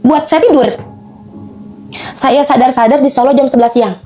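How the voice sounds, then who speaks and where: A woman telling a true ghost story to an interviewer in casual, animated, emotional talk, often addressing the listener directly. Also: high-pitched, normal speed, faint music behind. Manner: emotional, tells of distress at length.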